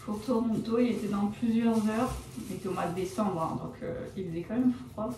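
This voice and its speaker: A woman's voice: mid-range voice, fairly even intonation, fairly quick, warm tone, recorded from a distance, a little hiss or hum. A young woman chatting casually in a vlog as she dyes her hair, rambling and correcting herself with many fillers. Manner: rambling, self-correcting, lots of fillers like genre and euh; shy and reserved by her own account. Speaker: vlogger. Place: at home, indoors. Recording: roomy, from off the mic, faint background ambience.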